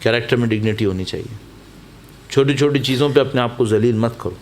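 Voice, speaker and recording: At a Muharram majlis, a preacher delivers a mourning sermon in a mosque or majlis hall, telling stories and urging his listeners on through emphatic repetition. His voice is medium in pitch, with a slight hiss or hum in the background.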